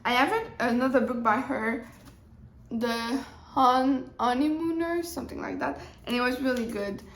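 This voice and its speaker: A young woman with a fairly high voice talks through her reading plans in a loose, rambling way. She cuts herself off and restarts mid-thought. The room gives her voice a noticeable echo. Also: unhurried, a little hiss or hum. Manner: rambling, chatty, self-interrupting. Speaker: book vlogger. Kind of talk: casual chat. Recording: roomy echo.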